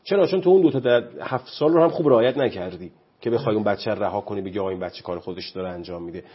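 A man's voice: on the low side, slightly rough, muffled recording. A man speaking as a guest on parenting, preachy and impassioned, often quoting scripture. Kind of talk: animated studio talk.

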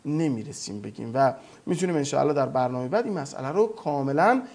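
A man's voice: medium pitch, animated, a little mellow. A man speaking as a guest on a talk program, retelling religious history emphatically with quoted dialogue. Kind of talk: animated lecture-style storytelling.

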